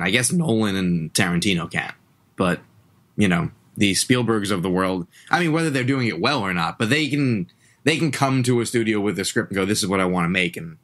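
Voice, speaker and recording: Man panelist, lowish voice, thoughtful long-winded takes. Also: fairly bright tone. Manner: analytical, talks in long winding sentences. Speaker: podcast panelist. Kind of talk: casual podcast discussion.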